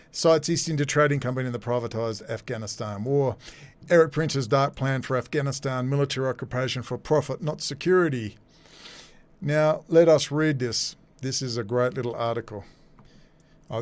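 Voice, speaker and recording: A man giving animated, sarcastic commentary as a host, repeating his phrases. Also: medium pitch, moderate pace. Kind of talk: ranting commentary over clips.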